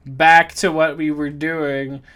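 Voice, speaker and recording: A man's voice: on the high side, flat delivery, takes it slowly, a loud crowd. Swearing man running a tabletop game. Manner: swears a lot, hesitant filler-heavy delivery. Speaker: game master.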